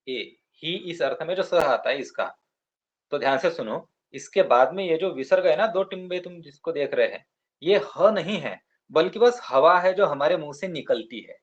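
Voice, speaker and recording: A man teaching Sanskrit to children in a classroom, patiently spelling out words and sounds slowly. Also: on the high side, lively intonation, muffled recording. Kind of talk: classroom explanation.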